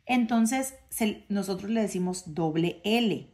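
A woman's voice: mid-range voice, takes it slowly, darkish tone. A woman, reading a phonics book aloud to a child and sounding out the letter sounds in a sing-song way.

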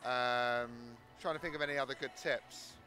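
A man's voice: medium pitch, fairly even intonation, moderate pace, bright, forceful tone, soft background music. A man in his thirties with a South London accent, explaining his work as a hairdresser in an interview on a handheld microphone in a large hall. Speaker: hairdresser demonstrating his technique. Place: large exhibition hall backstage.

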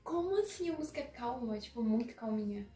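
Excitable young woman in echoey room. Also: fairly high pitch, fast. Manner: excitable, dramatic, drops to soft murmurs. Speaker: reaction video host. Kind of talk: casual live reaction. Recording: echoey room with faint music.

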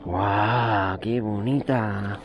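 A fairly low-voiced man in his forties talks eagerly beside a mountain lake, recorded outdoors on an action camera. He hosts a casual fishing vlog and exclaims often, with faint music behind him. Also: fairly even intonation, drawn-out words. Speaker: fishing channel host. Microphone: action camera, close framing.

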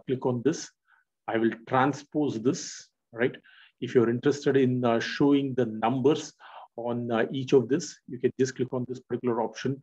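A man giving a screen-recorded software lesson, explaining step by step with frequent "uh" and "right?" checks. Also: medium pitch, breathy edge, muffled recording. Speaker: software tutorial instructor.

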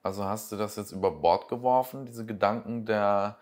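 A man's voice: on the low side, steady tone, normal speed, darkish tone. A man giving casual reaction commentary, sarcastic and exasperated, rambling as he picks apart what he watches.

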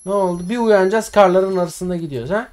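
Excitable, cursing man streaming a game. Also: high voice, fast, slight background noise. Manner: excitable, swears and yells at the game. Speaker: gaming streamer. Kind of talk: live gameplay commentary.

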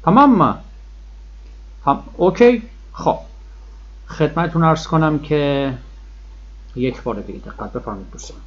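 A man's voice: on the high side, expressive, long pauses, slight background noise. A man teaching a vocabulary lesson, saying each word twice and then giving its meaning. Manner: drills words twice, then gives the meaning. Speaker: language teacher. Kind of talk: vocabulary lesson, repeating words slowly. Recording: dull, muffled sound.

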